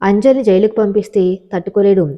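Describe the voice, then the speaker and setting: A woman's voice: medium pitch, quick pace, lo-fi sound. A woman narrating a scripted audio story, reading every character's lines in her own voice.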